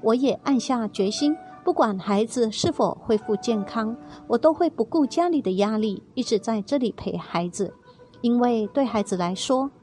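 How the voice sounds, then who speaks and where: A woman's voice: on the high side, lively intonation, normal speed, dark tone, faint music behind. A woman reading a first-person testimony aloud in a tender, earnest storytelling manner.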